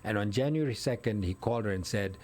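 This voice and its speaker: A man's voice: fairly low pitch, fast talker, darkish tone, slight background noise. A man telling a case in step-by-step detail in a casual conversation, correcting himself as he goes. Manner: detailed step-by-step retelling, with self-corrections and fillers. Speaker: guest recounting a murder case. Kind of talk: conversational storytelling.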